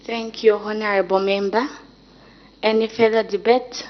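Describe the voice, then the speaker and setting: A woman with a Zambian accent presides formally as parliamentary speaker, giving procedural instructions in a measured, authoritative way. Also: medium pitch, flat delivery, a little hiss or hum. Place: debating chamber. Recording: dull, muffled live-stream sound.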